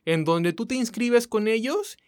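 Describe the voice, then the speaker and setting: A woman's voice: a little high, animated, unhurried, darkish tone. A woman from Mexico with a coastal accent, co-hosting a casual podcast in a colloquial, chatty way that speaks straight to listeners. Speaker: podcast co-host.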